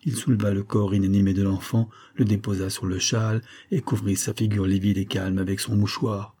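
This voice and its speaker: Male audiobook narrator, measured storytelling, low husky voice. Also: little pitch movement, dark tone. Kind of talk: scripted narration.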